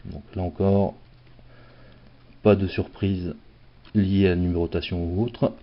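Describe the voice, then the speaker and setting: A man talks through opening packs of cards in a relaxed, joking way, often poking fun at himself. His voice sits on the low side. The recording is dull and lo-fi. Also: a little slow. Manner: chatty, self-mocking, playful. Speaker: card collector opening packs. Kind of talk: casual unboxing commentary.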